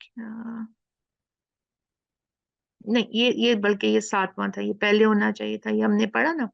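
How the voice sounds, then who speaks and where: A woman teaches Quran recitation in an unhurried, deliberate way, stretching each sound she demonstrates. Her voice carries a gravelly edge. The recording is dry and a little dull. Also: mid-range voice, little pitch movement, no room sound. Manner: slow, drawn-out demonstration of letter sounds. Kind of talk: explaining a lesson.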